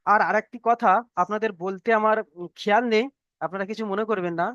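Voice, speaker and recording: Smooth, patient online Quran reading teacher. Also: mid-range voice, fairly even intonation, fairly bright tone, dry recording, dull audio. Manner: repeats rules slowly, often checks "okay?" with students. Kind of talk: online class teaching Arabic letter reading. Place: online video class, students on mute.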